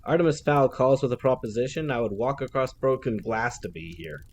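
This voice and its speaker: A man voicing a brash, flashy middle-aged businessman who talks loudly and boisterously, for an audiobook reading. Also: mid-range voice, brisk, a little hiss or hum, pitched above the performer's own voice, lightly acted. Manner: loud, boisterous greetings.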